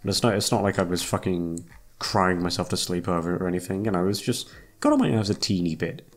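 This young man talks fast, with a low pitch and lively intonation, rambling casually to listeners as music plays underneath. He voice-acts and hosts a YouTube channel, and his delivery is hesitant, self-mocking, full of swearing and prone to trailing away.

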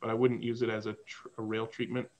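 A man's voice: lowish voice, fast. Man explaining on a video call. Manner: explaining at length, relaxed. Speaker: host. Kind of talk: casual video call chat. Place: home room.

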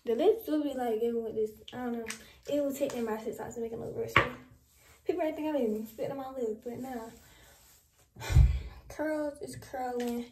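A woman's voice: a little high, normal speed, reverberant, recorded from a distance, background noise. A young woman in her twenties chatting casually to viewers in a playful, slangy way, filmed in a small bedroom. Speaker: vlogger. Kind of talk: casual vlog chat.

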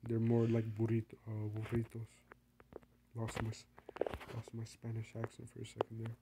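A man's voice: mid-range voice, completely flat delivery, normal speed, very noisy. Rambling young guy narrating a game, sick. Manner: rambling, playful, self-mocking. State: sick, coughing. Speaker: gaming vlogger. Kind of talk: casual game commentary. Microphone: phone screen recording.

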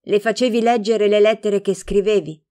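A woman's voice: mid-range voice, steady tone, moderate pace, dark tone, pitched above the performer's own voice, close to an everyday voice. A woman voicing a jealous, sulky young girl who pouts and asks reproachful questions in a storybook reading.

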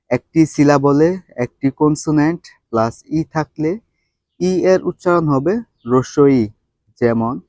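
A man teaching English pronunciation rules in a slow, deliberate lesson, repeating each rule twice and spelling words letter by letter. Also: mid-range voice, darkish tone, no echo. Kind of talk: slow scripted grammar lesson.

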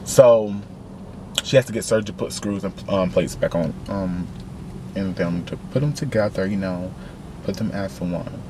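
A young man, vlogging casually to his camera from his car, animated and excitable, swearing freely as he talks straight to viewers. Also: low voice, moderate pace. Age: young adult. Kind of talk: casual vlog while driving. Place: in a car driving around town. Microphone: handheld compact camera. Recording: camera audio with clear car noise. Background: car and street noise.

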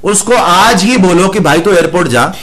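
A man's voice: high voice, lively intonation, moderate pace, a bit bright. A man hosting a casual cricket discussion, blunt and mocking in his banter. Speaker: cricket show host.

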